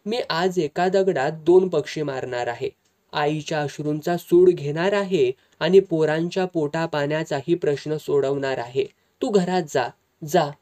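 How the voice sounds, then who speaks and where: Stern head of the house, touch, warm low tone; the reader doing him. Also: male voice, measured pace, natural voice. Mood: commanding. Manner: stern, commanding. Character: angry grown son, stern head of house.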